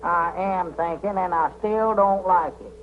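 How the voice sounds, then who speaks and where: An actor playing a gullible old country storekeeper with a drawl, folksy and quick to holler, in 1940s film comedy. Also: male voice, high voice. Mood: grumbling. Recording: tinny, hissy 1940s film soundtrack.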